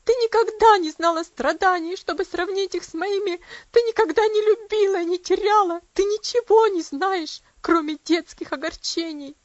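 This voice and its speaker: A woman's voice: high voice, moderate pace, dry recording, highs cut off, pitched above the performer's own voice, close to an everyday voice. A woman reader voicing a passionate young aunt, impassioned and grief-stricken at times, tender at others. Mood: anguished. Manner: impassioned outbursts.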